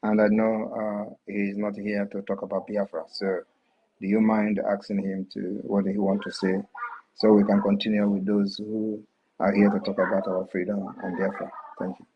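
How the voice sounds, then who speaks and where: A man's voice: lowish voice, completely flat delivery, moderate pace, husky. A man hosting an audio room, hesitant and full of fillers but firm in steering the talk. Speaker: host. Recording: dull lo-fi audio.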